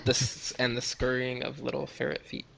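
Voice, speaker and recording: Gravelly man running a tabletop game. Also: medium pitch, completely flat delivery, fairly quick, a bit bright. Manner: casual, rambling with fillers. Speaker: game master. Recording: clear background noise.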